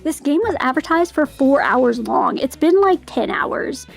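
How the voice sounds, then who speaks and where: A young adult woman with a cute, bubbly anime-streamer manner, giggly, excitable and easily flustered as she chats on a game livestream. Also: sits high, a little slow, gravelly. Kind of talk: livestream chat and reading visual novel aloud. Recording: music behind the voice. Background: music.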